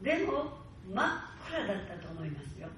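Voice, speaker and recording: A woman pastor preaching a sermon with fervent, slow, stressed phrasing that builds in urgency. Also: mid-range voice, very animated, a bit bright. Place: church hall. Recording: far-off mic in echoey hall, faint hiss.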